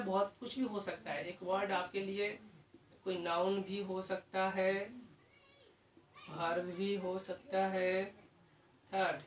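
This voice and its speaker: Echoey, distant male teacher at a board. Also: high voice. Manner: asks rhetorical questions and answers them himself; repeats key terms slowly. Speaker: English grammar teacher. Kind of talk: explaining a lesson at a board. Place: room with a writing board. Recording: echoey room, mic far off, faint hiss.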